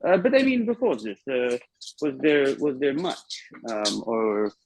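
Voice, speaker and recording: A player in a tabletop role-play game, this man speaks hesitantly, full of ums and uhs. His mid-range, darkish voice is very animated yet a little slow, captured on a dull lo-fi mic.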